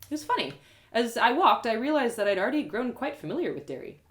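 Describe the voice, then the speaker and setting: A woman with a fairly high voice reads a first-person fantasy tale aloud like a live storyteller, expressive and full of dramatic pauses.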